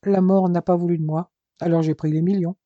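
A narrator voicing a calm, wry middle-aged man back from abroad, in a dull lo-fi recording. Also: medium pitch, fairly quick, no room sound, lightly acted. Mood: fond.

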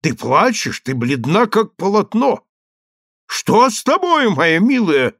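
A man's voice: high voice, big pitch swings, slow pace, no echo, clean studio sound, voice pushed up, full character voice. A man reading a story aloud and voicing a domineering middle-aged husband who first coaxes his wife and then threatens her angrily. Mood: coaxing. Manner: coaxing, then loud and threatening.

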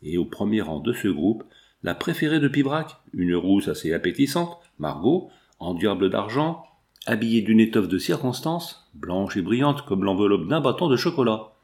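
An audiobook reader with a voice on the low side reads a classic novel aloud, telling the story in a measured, even way.

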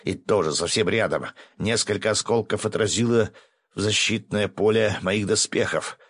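A man narrating a first-person adventure audiobook, brisk with coarse asides. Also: fairly low pitch, a bit bright, breathy edge, dry recording, clean studio sound.

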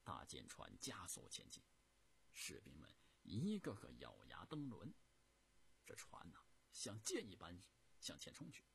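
A man narrating a historical story dramatically, jumping from loud bursts to hushed whispers. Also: low-pitched, huge pitch swings, measured pace, vocal fry, a little hiss or hum.

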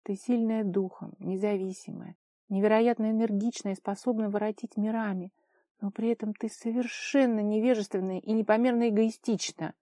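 A woman's voice: fairly high pitch, steady tone, brisk, mellow, dry recording, studio quality, close to an everyday voice. A woman reading an audiobook voices a sardonic young man who speaks with irony and weary exasperation. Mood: tender. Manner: ironic, mocking then tender.

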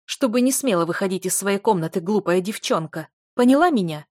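A woman reading an audiobook, voicing an imperious noble mother who scolds and insists in a raised, high voice. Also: lively intonation, normal speed, darkish tone, no echo, clean studio sound, close to an everyday voice. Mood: outraged.

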